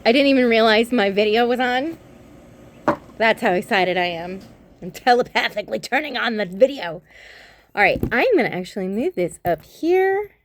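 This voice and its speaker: Her voice is a little high and animated, moving at a normal speed, with background noise present. She's a tarot reader on a casual phone livestream, affectionate and rambling as she sets up the reading.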